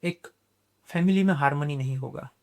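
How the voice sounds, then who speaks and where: A man, a guest on a podcast, explaining spiritual practice in a measured way and dropping English terms into his talk. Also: on the high side.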